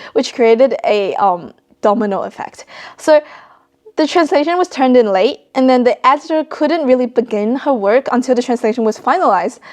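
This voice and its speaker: Here a high-voiced teen girl who moved from China to Australia is interviewed about a project she wrote as a student. There's a darkish tone to her voice.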